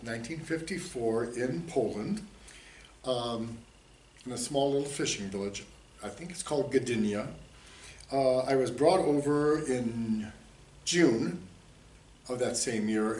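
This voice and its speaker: A man's voice: mid-range voice, a little mellow. Easygoing man in his sixties, distant roomy sound. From United States. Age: 60s. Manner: easygoing, rambling, with chuckles. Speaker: interviewee, community theater director. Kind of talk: casual interview talk. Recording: roomy echo, distant mic, faint hiss.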